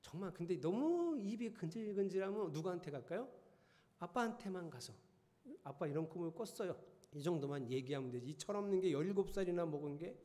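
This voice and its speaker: Middle-aged man, pastor, chatty sermon, slightly high voice, long church-hall reverb. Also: lively intonation, quick pace, mellow. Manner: conversational, teasing the congregation with questions. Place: church sanctuary.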